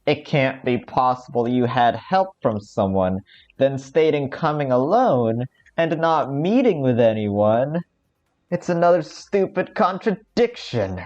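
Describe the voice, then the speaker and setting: A man's voice: medium pitch, lively intonation, a little slow, darkish tone, muffled recording, voice pushed up, natural voice. A man voicing an earnest, determined young anime protagonist who reasons aloud dramatically in an amateur visual novel role-play. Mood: indignant.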